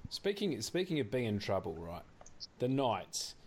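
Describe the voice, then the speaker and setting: Animated, blunt Kiwi man. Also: mid-range voice, measured pace, slightly rough. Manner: blunt, sweary, opinionated. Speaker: sports show co-host. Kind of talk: casual rugby league commentary.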